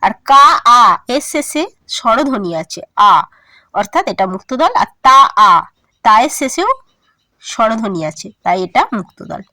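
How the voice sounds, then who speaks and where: A woman teacher with a Bengali accent walks students through a grammar point, sounding words out syllable by syllable. Her voice sits high and swings widely in pitch. The recording is dry and close, with no room sound. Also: big pitch swings, a bit bright, no room sound. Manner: slow, emphatic, syllable-by-syllable teaching. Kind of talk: explaining a grammar lesson to students.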